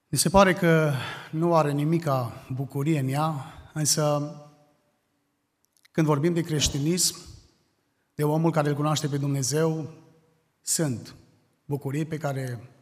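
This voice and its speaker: A man from Romania preaching a funeral sermon, measured and building to emphasis when reading scripture, recorded in a church hall. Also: fairly high pitch. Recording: long hall reverb.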